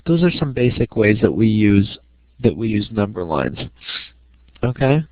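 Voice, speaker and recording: A man's voice: fairly low pitch, sing-song, unhurried, dry recording. A middle-aged man giving an informal, step-by-step lesson as a teacher, often checking in with "okay". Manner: checks understanding with frequent "okay". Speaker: math teacher. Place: small room at home. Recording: dry, dull lo-fi home recording.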